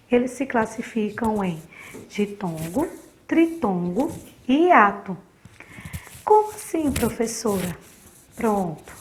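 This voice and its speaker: A woman from Sergipe in Brazil, a primary school teacher giving a recorded remote lesson to children, patient and fond of diminutives. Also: fairly high pitch.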